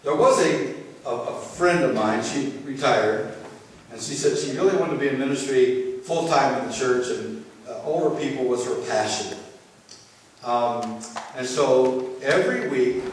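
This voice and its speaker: A man's voice: mid-range voice, measured pace, slight background noise. An older man, a pastor, giving a storytelling sermon in a conversational way, often restarting his phrases. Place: church sanctuary. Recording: echoey church from far off.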